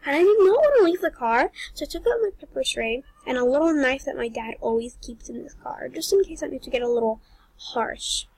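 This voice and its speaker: Chatty high-voiced young woman vlogger. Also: expressive, brisk, a little mellow, dry recording, poor audio. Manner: chatty, dramatic, lots of "like". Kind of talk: casual storytime vlog.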